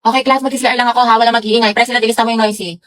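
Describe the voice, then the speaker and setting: A woman's voice: fairly high pitch, fairly even intonation, rapid-fire, a bit bright. A woman playing a chatty teacher in a comedy skit, mixing in English words.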